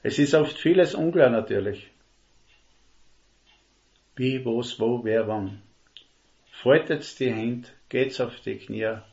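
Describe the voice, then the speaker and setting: A man preaching a sermon, earnest and emphatic, slowing down to stress key words. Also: medium pitch, darkish tone. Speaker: lay preacher. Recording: dull lo-fi recording.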